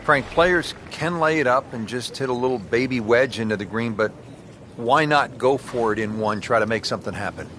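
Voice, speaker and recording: A man's voice: medium pitch, moderate pace, fairly bright tone, a little hiss or hum, lightly acted. A man working as a golf commentator, calling play as a composed lead announcer in a video game. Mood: composed commentary. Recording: crowd ambience and music behind.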